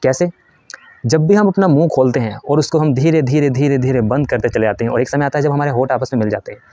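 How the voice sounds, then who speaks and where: A man's voice: medium pitch, fast talker, mellow, dry recording. Patient male teacher with a dry, close sound. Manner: patient, asks and answers his own questions, demonstrates chanting. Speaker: spiritual teacher. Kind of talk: explanatory spiritual lesson.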